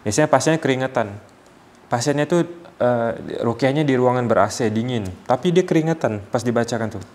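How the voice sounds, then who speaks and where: A man working as a ruqyah healer, calmly explaining to a patient and acting out short quotes as examples. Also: medium pitch, brisk.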